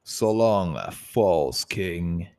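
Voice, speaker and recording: A man voicing a vengeful, defiant male flying creature in a scornful, low tone. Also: very slow, warm tone.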